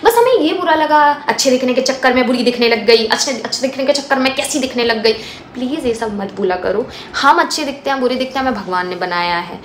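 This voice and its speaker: A woman's voice: sits high, lively intonation, fairly quick, hardly any pauses. Woman, family vlogger, earnest, defensive, talks to viewers, roomy echo, faint background noise. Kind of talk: casual chat to camera.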